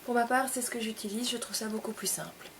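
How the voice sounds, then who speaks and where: A young woman walks through her makeup routine in a gentle, explanatory way, pausing between short phrases. Her voice sits a little high. A faint hiss runs under the recording. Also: fairly even intonation. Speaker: makeup tutorial presenter. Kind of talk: casual step-by-step makeup tutorial.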